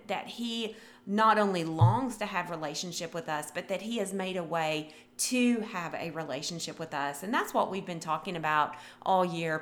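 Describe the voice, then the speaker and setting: A woman's voice: lowish voice, fairly bright tone. A woman hosting a devotional podcast, speaking in an encouraging, earnest way as she introduces an episode. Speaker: podcast host. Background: faint music.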